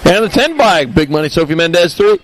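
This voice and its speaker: A man's voice: a little high, big pitch swings, fairly bright tone, low-quality recording. A man announcing a live race, rattling off rider names and results and tossing in jokey asides. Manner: jokey asides between rapid rider call-outs.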